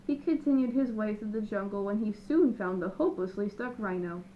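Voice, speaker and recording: A woman reading a children's picture book aloud with lively, expressive narration. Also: mid-range voice, fairly quick, dull audio, a little hiss or hum. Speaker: storyteller. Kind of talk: children's storybook read-aloud.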